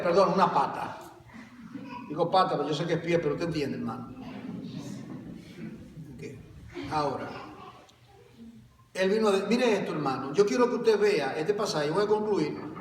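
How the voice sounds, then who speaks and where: A male pastor preaching a sermon in a church, asking his listeners questions and calling them brother, swinging between loud emphatic bursts and quieter explanation. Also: high voice, a little hiss or hum. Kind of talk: Spanish-language church sermon. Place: church sanctuary. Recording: echoey church hall, mic from far off.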